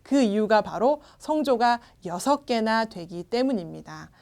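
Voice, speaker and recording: A woman gives a recorded pronunciation lesson in a fairly high, lively voice that rises and falls a lot. She is patient and opens each step with a short prompt. She says every example sound twice so learners can copy it. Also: a little slow, creaky. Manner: patient, starts phrases with "자" and models sounds twice. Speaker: language teacher.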